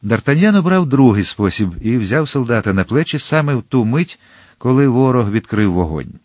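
A man narrating an audiobook in a measured, expressive way. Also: mid-range voice, no echo, studio quality.

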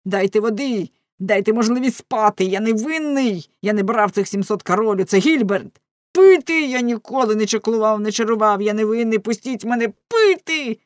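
A woman shouting as a frantic, thirsty nobleman prisoner. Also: on the low side, steady tone, brisk, gravelly, few pauses, no echo, clean studio sound. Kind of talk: dramatic audiobook reading.

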